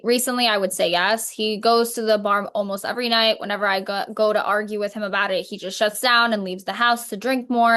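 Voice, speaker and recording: A woman's voice: medium pitch, fairly bright tone, close to an everyday voice. A woman playing a worried, fed-up wife in a counselling role-play, speaking firmly and plainly.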